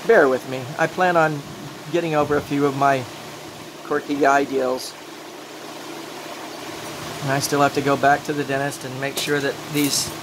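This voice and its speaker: A man giving an informal hands-on demonstration, rambling as he talks himself through steps, with slightly mushy, toothless articulation. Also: mid-range voice. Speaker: glassworking instructor. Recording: loud steady torch or engine-like noise.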